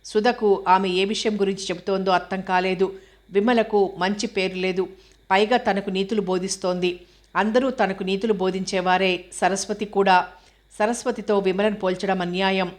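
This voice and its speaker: A woman reading a novel aloud as an audiobook narrator. Her delivery is steady and flat, with little rise or fall, at a middling pitch. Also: normal speed.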